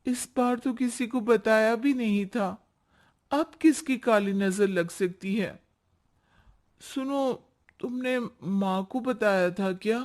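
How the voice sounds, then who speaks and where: A woman's voice: fairly high pitch, slow pace, a little mellow. A woman voicing a cheerful, hopeful young wife who talks earnestly with her husband in a cartoon story. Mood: worried. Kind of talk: cartoon voice acting.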